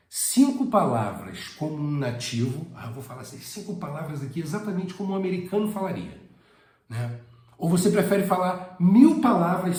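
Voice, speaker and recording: A man's voice: on the high side, a little mellow, echoey room. A man from Brazil with a Rio de Janeiro accent, teaching a casual spoken lesson with frequent hesitations and repeated words. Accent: Rio de Janeiro Portuguese. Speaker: English teacher.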